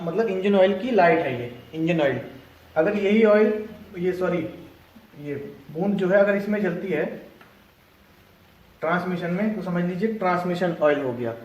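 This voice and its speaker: Man, instructor, high voice, explains step by step, distant mic, echoey room. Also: darkish tone, lo-fi sound. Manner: explains step by step, often checks understanding. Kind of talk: classroom lesson.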